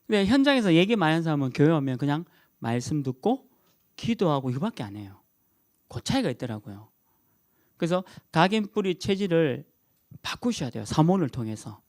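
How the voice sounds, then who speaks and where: A middle-aged male pastor preaching a sermon, emphatic and animated, repeating key words and chuckling at his own jokes. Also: fairly high pitch, fairly quick, no echo, clean studio sound.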